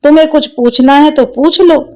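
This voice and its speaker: A woman's voice: sits high, normal speed, voice pushed up, close to an everyday voice. A woman voicing a strict middle-aged mother who scolds and commands her daughter.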